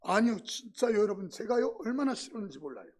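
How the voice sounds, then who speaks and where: A male pastor preaching a sermon, telling a story with acted-out dialogue and prayers, swinging from loud to hushed. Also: high voice, big pitch swings, quick pace.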